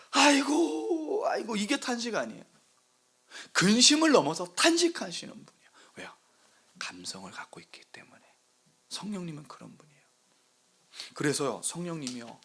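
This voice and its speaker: Male pastor, sermon delivery, lively intonation, rhetorical questions to the congregation, hushed asides. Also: high voice, breathy edge. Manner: swings between loud emphasis and hushed whispers. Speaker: pastor of a new church plant.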